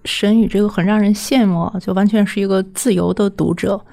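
A woman professor guesting on a podcast, talking in a measured, thoughtful way and reaching for metaphors. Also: medium pitch, fairly even intonation, vocal fry, dark tone. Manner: measured, thoughtful, full of metaphors and pause words. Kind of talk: casual chat.

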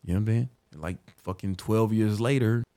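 A man in his thirties, hosting a casual talk ranking business books, swearing freely and telling stories with animated, self-mocking laughs. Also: on the low side, a little fast, dry recording. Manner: profane, loose and streetwise; animated storyteller who laughs at himself.

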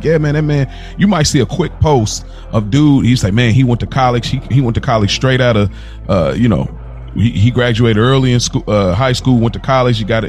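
A man with a mid-range, somewhat dark voice co-hosts a podcast in casual chat. He talks earnestly in long run-on stretches, repeating himself as he builds toward a point.

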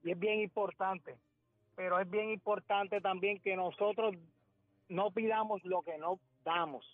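A man's voice: sits high, fairly even intonation, measured pace. A man calling in to a radio show with a polite, formal comment, heard over a phone line. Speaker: caller. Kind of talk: call-in comment.

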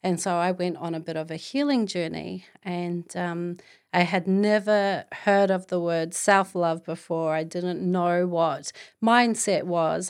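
Māori New Zealand woman, low-pitched motivational host. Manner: earnest, encouraging. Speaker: podcast host. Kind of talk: motivational personal monologue.

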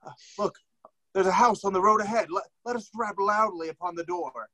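A man's voice: sits high, brisk, background noise, close to an everyday voice. A man playing an earnest questing hero who speaks in mock-formal tones that slip into plain talk.

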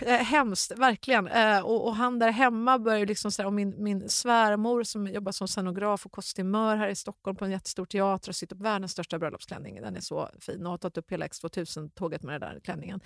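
Brief: middle-aged woman guest, animated storyteller who laughs and acts out dialogue, close dry sound. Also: medium pitch, no room sound. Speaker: interview guest, author. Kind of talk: personal storytelling in a podcast chat.

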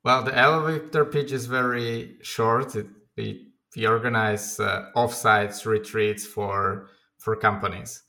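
A man's voice: mid-range voice, steady tone, a little slow, creaky, bright, forceful tone. A man talking as a guest on a podcast from his own apartment over a video call, hesitant with many restarts and fillers. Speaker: guest, company founder. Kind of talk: casual interview chat.

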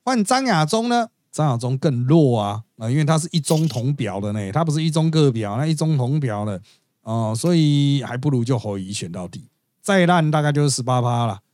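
A man's voice: medium pitch, expressive, a little fast, darkish tone, no room sound. A man with a Taiwanese Mandarin accent hosting a podcast, giving chatty, gossipy, wry political commentary. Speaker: podcast host.

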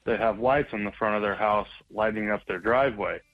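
A man's voice: lowish voice, fairly even intonation, brisk. A man caller leaving a matter-of-fact voicemail story, heard over a phone line. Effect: heard over a phone line as a played voicemail. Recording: tinny phone line, faint music.

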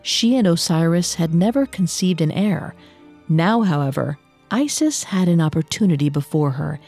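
A woman narrating a mythology podcast in a measured storytelling manner. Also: on the low side, animated, a little mellow, soft background music.

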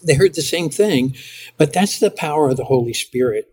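Animated middle-aged man telling stories. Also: fairly high pitch, normal speed. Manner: animated storytelling with lots of restarts. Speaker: guest pastor. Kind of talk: podcast interview.

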